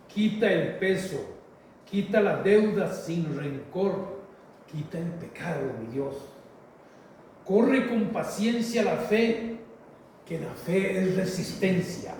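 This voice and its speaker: A man preaching a sermon in a slow, emphatic way, repeating phrases and calling listeners brothers, with a heavy cathedral-like echo. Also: fairly high pitch, darkish tone. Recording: very echoey hall, voice from far off, faint noise.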